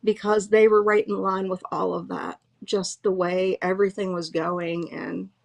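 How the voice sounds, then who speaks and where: A middle-aged woman at home giving an emotional first-hand eyewitness account, halting and restarting as she speaks. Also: mid-range voice, flat delivery, gravelly. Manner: halting, restarts often, voice full of distress. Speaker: eyewitness interviewee. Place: at home, dog nearby.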